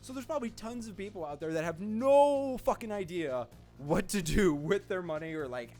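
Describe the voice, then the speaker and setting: Rambling young man, lively voice. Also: sits high, moderate pace, faint music behind. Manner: rambling, heavy use of "like". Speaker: co-host playing a video game. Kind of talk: casual chat over gameplay.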